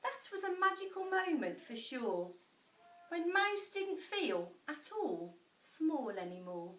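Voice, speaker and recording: A woman with a high voice reads a children's storybook with dramatic emphasis. She takes her time and varies her pitch widely, pausing for effect. The room sounds echoey. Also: big pitch swings, a bit bright. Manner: dramatic emphasis with deliberate pauses. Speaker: teacher reading a picture book. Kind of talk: expressive storybook narration for children. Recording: echoey room, distant mic.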